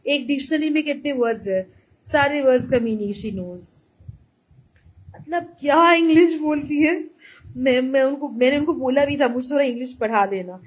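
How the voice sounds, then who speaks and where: A woman vlogger telling a sarcastic, animated story in a mocking monologue. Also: high-pitched, moderate pace, low-quality recording. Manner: animated, mixes Hindi and English, mocking.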